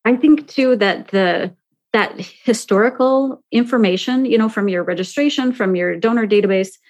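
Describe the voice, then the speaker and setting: A woman's voice: a little high, normal speed. A woman hosting a podcast interview in a conversational style. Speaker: podcast host.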